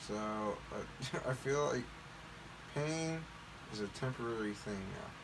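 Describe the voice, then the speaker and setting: A man's voice: mid-range voice, unhurried. A young man chatting casually in bed, groggy and drugged-sounding after anesthesia, cocky and profane. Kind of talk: casual chat. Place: lying in bed in a bedroom. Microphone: phone camera at a short distance. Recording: noisy phone video in bedroom.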